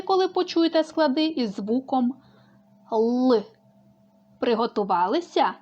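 A woman speech therapist leading a lesson with slow, clearly articulated sound drills. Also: high-pitched, lo-fi sound.

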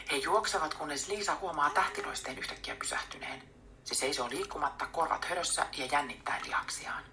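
A woman's voice: rumbling low, vocal fry, noisy background. Whispering woman reading a book. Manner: soft unvoiced whisper. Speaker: audiobook reader.

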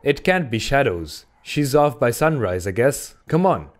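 A man voicing a brisk, impatient young male sailor in an audiobook, curt and dismissive. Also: mid-range voice, big pitch swings, pitched above the performer's own voice. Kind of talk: audiobook character voice.

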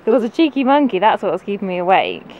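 A woman's voice: medium pitch, wildly swooping pitch, quick pace, dull audio. A woman vlogging casually outdoors on a sailing boat, chatty and laughing as she talks. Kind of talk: casual vlog narration. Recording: noisy open-air deck recording. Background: wind and water noise.

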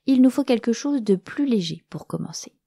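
A woman reading a children's storybook aloud, voicing a kind, encouraging male cricket with lively, high, coaxing exclamations. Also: moderate pace, gravelly, slightly rough, no echo, clean studio sound, heavily acted.

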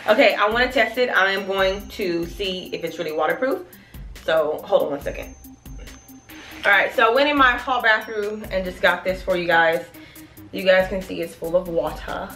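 A woman in her thirties, a family vlogger chatting casually to her viewers in a product review, animated and calling them y'all. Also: on the low side. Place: small room in front of a plain wall. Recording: echoey room.

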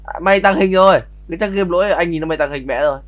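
A man with a high-pitched voice chats brashly through a roleplay game. He swears freely and picks fights at the slightest excuse. His talk is loose and unscripted. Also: fairly bright tone. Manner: brash, swears freely, quick to pick arguments. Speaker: streamer playing a roleplay game. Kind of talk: casual in-game roleplay chat.

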